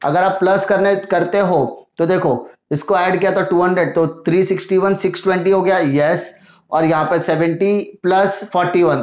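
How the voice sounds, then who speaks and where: A male commerce teacher explaining an accounting problem step by step, mixing Hindi with English terms and asking and answering his own questions. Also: high-pitched. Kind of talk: accounting lesson. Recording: echoey room sound.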